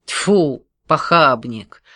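A reader voicing a grumbling, gruff middle-aged huntsman who scolds his son, in an audiobook. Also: mid-range voice, lively intonation, moderate pace, dry recording, lightly acted. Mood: scolding.

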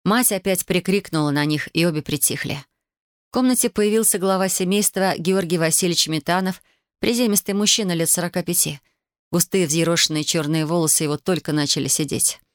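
Woman audiobook narrator, measured, low register, dry studio read. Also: no room sound. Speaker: audiobook reader.

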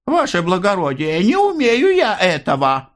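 A man's voice: high-pitched, very animated, a little slow, fairly bright tone, pitched above the performer's own voice, heavily acted. A man putting on a fawning frightened peasant woman. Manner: bowing, servile, whispering curses.

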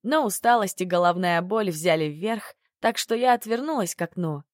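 A woman narrating a first-person novel in an expressive reading voice. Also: lowish voice, normal speed, no room sound, clean studio sound. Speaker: audiobook narrator.

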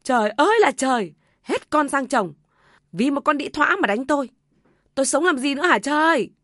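Brief: a woman playing a spiteful elderly mother-in-law, high shrill scolding, dry close read. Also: animated, unhurried, sharp tone, dry recording, heavily acted. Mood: wailing.

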